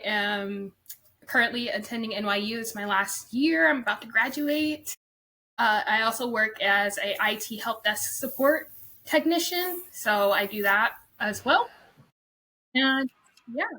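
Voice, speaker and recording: A woman in her early twenties with a fairly high voice, chatting casually as a guest. She is easygoing and often adds a quick "mm-hmm" of agreement. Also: sharp tone, rough recording. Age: 20s. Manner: easygoing, affirming with frequent "mm-hmm". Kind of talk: casual conversation.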